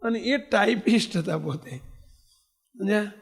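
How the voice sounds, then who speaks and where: A man's voice: high-pitched, slow pace, vocal fry, breathy edge, in a large hall. A man giving a sermon as a swami, telling stories and often putting questions to the audience. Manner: asks the audience frequent questions. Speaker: swami preacher. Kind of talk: sermon with storytelling.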